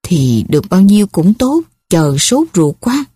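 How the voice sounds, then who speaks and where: A woman's voice: lowish voice, big pitch swings, a little slow, mellow, breathy edge, no echo, clean studio sound, heavily acted. A woman reading a grumbling, stingy man. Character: complaining, stingy male blood buyer.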